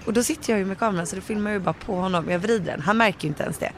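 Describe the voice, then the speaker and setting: A woman's voice: mid-range voice, slight background noise. A woman co-hosting a chat podcast, telling a story with lots of quoted asides and laughter. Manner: animated, quotes herself with "jag bara", laughs often. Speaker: podcast co-host.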